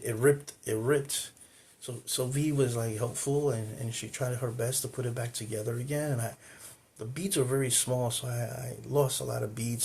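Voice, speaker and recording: A man's voice: medium pitch, darkish tone. A man hosting his own cultural video channel, telling a personal story in a casual, rambling way, with many repeats and restarts, recorded indoors facing the camera.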